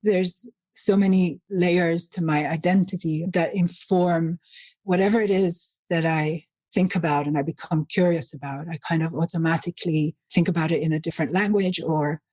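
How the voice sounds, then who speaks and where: Woman guest, low husky voice, flat, thoughtful measured delivery, dry close sound. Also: dry recording. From Finland, raised in Nigeria. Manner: thoughtful, measured, with some restarts. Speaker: guest author. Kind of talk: reflective interview talk.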